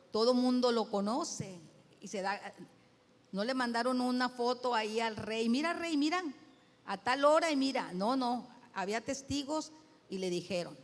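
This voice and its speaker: A woman pastor preaching a sermon in a storytelling way, repeating and restarting words as she goes. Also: a little high. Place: church sanctuary. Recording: long church reverb.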